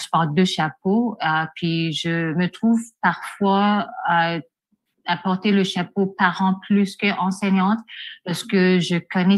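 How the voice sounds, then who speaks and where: Hesitant woman on a video call. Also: on the low side. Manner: hesitant, many restarts. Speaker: parent and teacher on a committee. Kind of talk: committee introduction on a video call.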